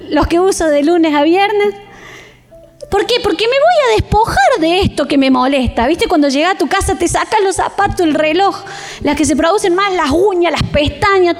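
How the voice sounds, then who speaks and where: A woman with an Argentine accent preaching a sermon in church, animated and expressive, acting out everyday scenes. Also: very high voice. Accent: Rioplatense Argentine Spanish.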